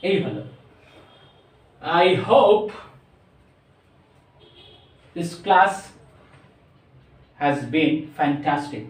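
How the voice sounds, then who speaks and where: A man with a Bangladeshi accent teaching a spoken English lesson, slowly stretching out words and mixing English into his explanations. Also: a little high, lively intonation. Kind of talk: classroom lesson. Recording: echoey room, voice from a distance.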